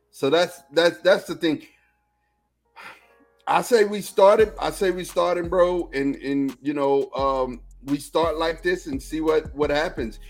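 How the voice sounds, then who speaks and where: Rambling Texan man talking football. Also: on the high side. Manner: rambling, repeats himself, lots of "you know what I'm saying". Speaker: podcast co-host. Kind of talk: casual sports talk.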